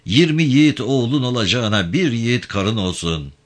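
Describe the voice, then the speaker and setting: A man's voice: mid-range voice, animated, normal speed, voice pushed up, close to an everyday voice. Yavan, a wounded, tender-hearted man, as a narrator voices him. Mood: tender soothing. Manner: soothing, florid and tender. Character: wounded hardy man, tender and poetic toward his wife.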